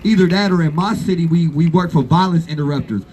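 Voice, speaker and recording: At an outdoor rally, a man in his thirties delivers a blunt, profane, impassioned speech as an activist, repeating phrases for emphasis. His voice is fairly high-pitched and darkish, with a breathy edge, and he talks fast.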